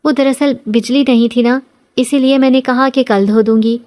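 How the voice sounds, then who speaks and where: Narrator voicing a timid young wife, meek, nervous delivery. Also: female voice, high voice, steady tone, darkish tone, voice pushed up, close to an everyday voice. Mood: anxious. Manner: meek, anxious.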